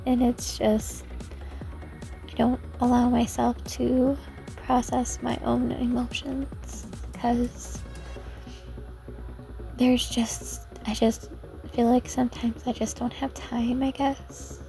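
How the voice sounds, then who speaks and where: A woman hosting her own podcast, talking hesitantly and softly about her personal life, with many pauses and restarts. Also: a little high, flat delivery, gravelly, faint music behind. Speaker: podcast host. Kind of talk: personal reflective podcast talk.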